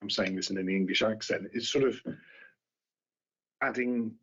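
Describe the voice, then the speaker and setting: Husky man questioning at a hearing. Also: on the low side, moderate pace, fairly bright tone. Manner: searching, restarts questions. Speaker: committee member. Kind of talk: formal questioning. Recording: dull lo-fi meeting room audio.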